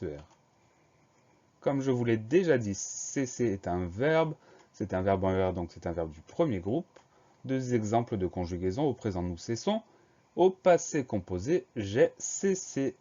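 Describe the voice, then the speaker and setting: A man's voice: on the low side, mellow, highs cut off. Patient man spelling words aloud. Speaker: primary school teacher. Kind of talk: spelling lesson for children.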